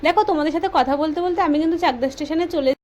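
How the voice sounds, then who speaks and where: Fast-talking high-voiced young woman vlogger. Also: a little hiss or hum. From West Bengal, India. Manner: says she speaks softly for this voice-over; chatty, addresses viewers directly. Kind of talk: casual vlog voice-over.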